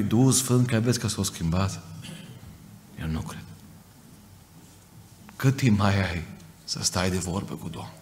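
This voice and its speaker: A man's voice: on the low side, darkish tone. A man from Romania preaching an emphatic Pentecostal sermon to a congregation, acting out quoted voices. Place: church. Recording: church hall reverb, faint noise.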